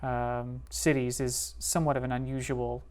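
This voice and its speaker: A man's voice: medium pitch, level tone, moderate pace, a little mellow. Easygoing male interview host. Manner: easygoing, many short affirmations. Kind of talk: casual interview.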